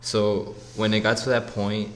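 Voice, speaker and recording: Young male college student guest, laid-back and rambling, low and even-toned. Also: a little slow, a little hiss or hum. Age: 20s. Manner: relaxed, rambling, laughs easily. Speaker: guest, college soccer player. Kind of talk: casual interview chat.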